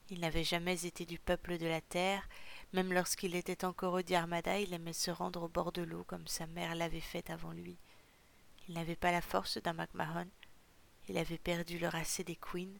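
A woman narrates a storybook chapter in a measured, steady way. Her voice is low and gravelly, and its melody stays quite flat. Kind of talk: audiobook narration.

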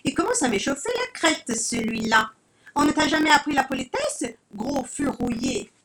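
A woman's voice: very high voice, pitched above the performer's own voice, exaggerated voice. Woman playing a plucky little hen girl. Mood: indignant. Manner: bright, excitable, quick to exclaim.

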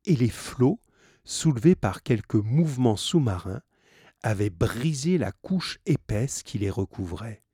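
A man reads a novel aloud, slowly and with a lively, wide-ranging pitch. His voice is low and husky, and he pauses to restate difficult words simply. The sound is close and dry. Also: no room sound. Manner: pauses to restate hard words in plain terms. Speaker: reader of a novel.

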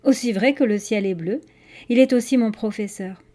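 A woman voicing a friendly young boy in a storybook reading, talking eagerly and asking quick questions. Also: mid-range voice, dark tone, natural voice.

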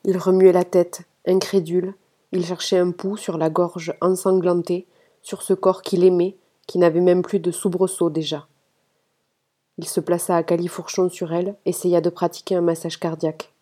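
A woman reading a novel aloud in steady, measured audiobook narration. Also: fairly low pitch. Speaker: reader of a novel.

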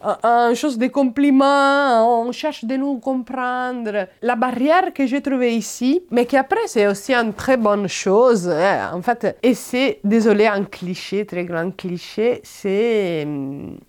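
A woman from Naples with an Italian accent, her native language, speaking as a podcast guest in an animated way, repeating words and hesitating often. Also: fairly high pitch, slow, hardly any pauses. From Naples, Italy. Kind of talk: conversational interview.

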